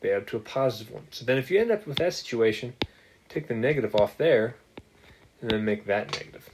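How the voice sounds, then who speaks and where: A man's voice: medium pitch, expressive, quick pace. A man who is a math teacher, talking through examples while writing on screen, upbeat and joking at his own slips. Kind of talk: screen-capture math lesson. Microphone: desktop microphone. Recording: noisy desktop recording with ticking.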